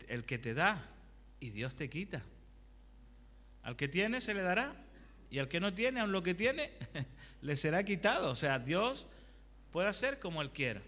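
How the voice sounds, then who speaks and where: With a high voice that sounds pushed and bright, a pastor talks with his congregation rather than at them, asking them questions and recounting personal anecdotes. The sermon takes place in a church hall, and the recording carries a long hall reverb.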